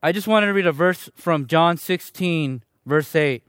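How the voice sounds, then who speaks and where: A man's voice: fairly high pitch, measured pace, fairly bright tone, smooth, dry recording, clean studio sound. A young man from Chicago giving his personal testimony to a church gathering in an earnest, conversational, self-deprecating way. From Chicago, Illinois, USA.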